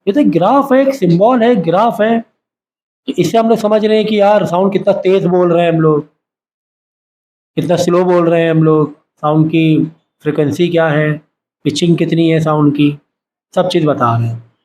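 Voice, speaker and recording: In a classroom full of students, a male science teacher lectures with a fairly high, darkish voice at a moderate pace. He quizzes the class over and over, asking short questions and having them call terms back to him.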